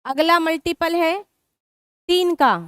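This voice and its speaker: A woman's voice: extremely high pitch, fairly even intonation, slow, fairly bright tone, no echo, clean studio sound. A woman teaching a live online exam-prep class, mixing in English terms and asking students questions she answers herself. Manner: mixes Hindi with English terms.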